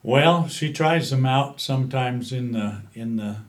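A man in his seventies with a Western American accent, reminiscing in an interview in a halting, unhurried way. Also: mid-range voice. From Utah, USA. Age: 70s. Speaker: interview guest, cowboy poet.

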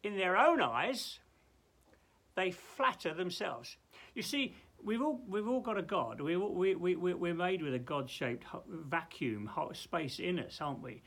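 Creaky-voiced male preacher up in a loft. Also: sits high, expressive, fairly bright tone. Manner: halting and exclamatory, repeating himself. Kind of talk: informal Bible teaching with prayer.

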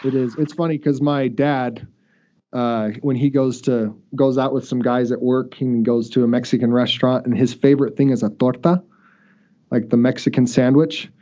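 A man hosts a relaxed podcast chat and talks in a loose, rambling way, often restarting his sentences. His voice is mellow and dark. The audio is dull and lo-fi. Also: medium pitch, normal speed. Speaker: podcast host.

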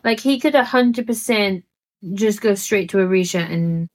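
Animated laughing woman podcast host. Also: mid-range voice, moderate pace. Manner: animated, laughs often, acts out lines. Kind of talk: casual book discussion.

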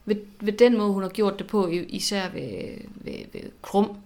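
A woman co-hosting a podcast in casual chat, animated and reflective, often repeating words as she thinks. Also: mid-range voice. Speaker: podcast co-host.

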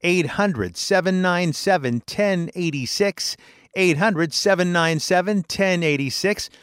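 High-pitched male radio promo announcer. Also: a little slow, fairly bright tone, clear, resonant tone, no echo, studio quality. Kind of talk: scripted direct-response radio promo.

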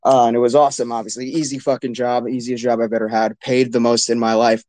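Casual, swearing frat bro show host. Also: male voice, mid-range voice, level tone, quick pace, darkish tone, dry recording. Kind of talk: casual hyped live chat.

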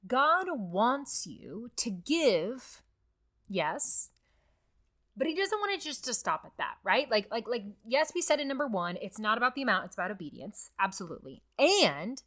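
Bright-voiced woman teaching Bible study. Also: fairly high pitch. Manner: conversational, earnest, many "like" fillers.

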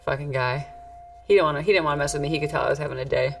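An American woman with a notably low voice talks casually as a podcast co-host. She is joking and slangy, and she swears freely. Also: steady tone, rapid-fire, vocal fry, slight background noise. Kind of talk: casual chat.

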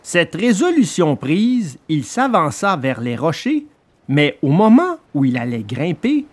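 Slow, expressive male storyteller. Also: on the high side. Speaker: storybook narrator. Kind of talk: scripted storybook narration.

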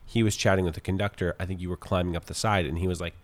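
A man playing a tabletop game, talking fast in casual chat and trailing off into mumbled asides. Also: deep voice, steady tone. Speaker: player.

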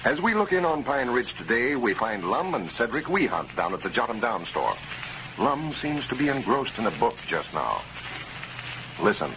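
A man's voice: mid-range voice, big pitch swings, moderate pace, highs cut off. A man speaking as an old-time radio announcer, with a folksy, emphatic sales delivery, on a vintage radio recording. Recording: noisy, band-limited vintage radio recording.

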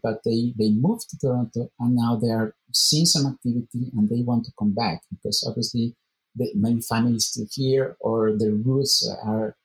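A man's voice: lowish voice, poor audio. A man who organizes a meetup, answering interview questions in a thoughtful, searching way and often repeating words as he finds his phrasing. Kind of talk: casual interview conversation.

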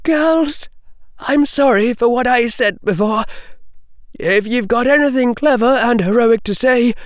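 A man's voice: very high voice, measured pace, dry recording, clean studio sound, voice pushed up. A man voicing a weak, shaken young schoolgirl who speaks in a strained whisper.

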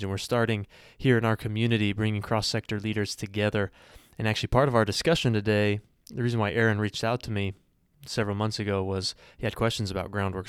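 Male podcast host, thirties, low and very clear, casual and filler-heavy. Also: no room sound, studio quality. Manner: relaxed, filler-heavy, friendly. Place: studio.

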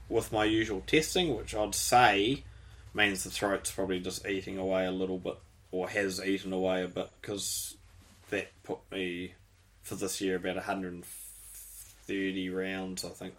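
A man's voice: low voice, fairly bright tone. A man chatting casually as host, rambling through technical details and swearing now and then. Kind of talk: casual chat.

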